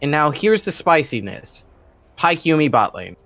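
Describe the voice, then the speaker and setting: A man's voice: a little high, sing-song, normal speed, a bit bright, no room sound. A man giving playful, hyped color commentary on an esports final. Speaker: esports co-caster. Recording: dull, dry mic.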